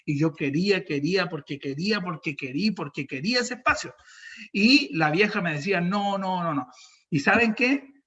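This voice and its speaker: A man's voice: high voice, fairly quick, highs cut off. A young adult man with a Chilean accent preaching a sermon, telling a personal story and acting out the dialogue. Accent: Chilean Spanish. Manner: animated storytelling, acts out dialogue. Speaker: pastor.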